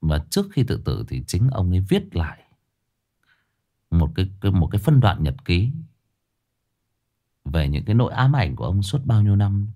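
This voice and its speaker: A man telling a tragic true story to his listeners in a casual spoken style, with sudden high emphatic bursts and low somber drops. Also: sing-song, moderate pace, vocal fry, long pauses, mellow. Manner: addresses listeners directly, casual with restarts.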